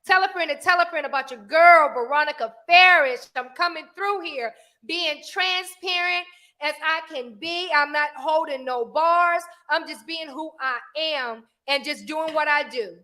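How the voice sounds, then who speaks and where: A woman's voice: high voice, measured pace, sharp tone. A woman hosting a live stream, talking emphatically to viewers, reading their comments and preaching a little. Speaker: livestream host.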